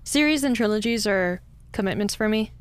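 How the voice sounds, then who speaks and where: A woman's voice: medium pitch, lively intonation, a little fast, smooth, no echo. A young woman from California co-hosting a podcast, chatty and giggly after a few drinks. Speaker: podcast co-host. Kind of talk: casual chat.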